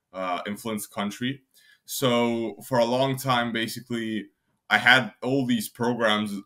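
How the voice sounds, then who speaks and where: A young man talks in a bright, forceful tone. His voice sits a little low, and his answers ramble with restarts and fillers in a casual interview. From Albania. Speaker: guest.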